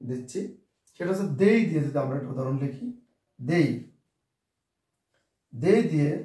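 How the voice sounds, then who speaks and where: A man with a Bengali accent teaching an English grammar lesson slowly and deliberately, spelling sentences out word by word and addressing dear viewers again and again. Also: a little high, a little mellow, echoey room, far from the mic. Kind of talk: slow classroom-style grammar lesson.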